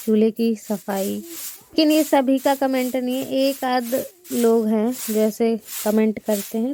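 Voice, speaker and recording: A slightly high, warm voice with some background noise belongs to a young woman from India who vlogs about village life. Though her throat is sore, she chats and rambles to viewers like friends while sweeping her house and plastering it with mud.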